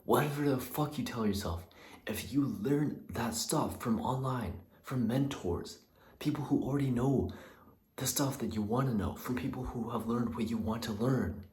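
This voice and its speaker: With a medium-pitched, slightly mellow voice at a moderate pace, a young man rants through a personal vlog, swearing, rambling, restarting, and now and then whispering. It was recorded in a small bathroom, echoey with faint ambience.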